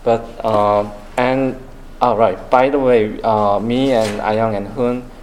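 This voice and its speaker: Guy starting a conference talk, lots of uhs, lowish voice, bit of room noise. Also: fairly even intonation, slow pace, a little mellow, low-quality recording. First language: Korean. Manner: hesitant, many fillers. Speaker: conference speaker.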